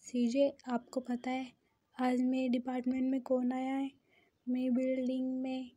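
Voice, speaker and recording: A woman's voice: sits high, completely flat delivery, measured pace, warm tone, no room sound. A woman voicing a cheerful, whiny young male student in a storybook reading. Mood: eager.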